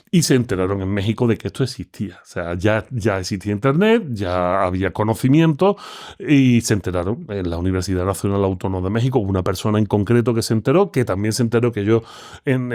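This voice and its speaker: Guy in an interview, lowish voice, pauses and restarts a lot while he remembers stuff. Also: animated, darkish tone. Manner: reflective, with many restarts and hesitations. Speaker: philosopher guest. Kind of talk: conversational interview.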